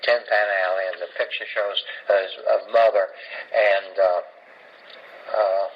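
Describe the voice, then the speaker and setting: An older man with a Southern US accent from Jacksonville, Florida, telling rambling, halting family stories in a casual chat. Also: low-pitched, fairly even intonation, breathy edge. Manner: rambling, halting storytelling with restarts. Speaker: family storyteller. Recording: dull lo-fi home recording.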